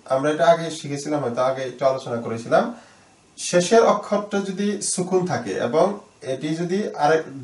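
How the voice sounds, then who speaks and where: A man teaching Arabic grammar in Bengali, explaining slowly with many fillers and repeated words. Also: a little high, a little mellow, reverberant.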